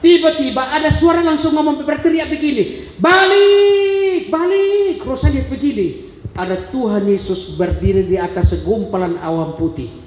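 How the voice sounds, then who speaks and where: A man's voice: high voice, a little fast, darkish tone, slight background noise. A man giving a dramatic sermon testimony, acting out voices and gasps as he tells it. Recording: echoey hall reverb.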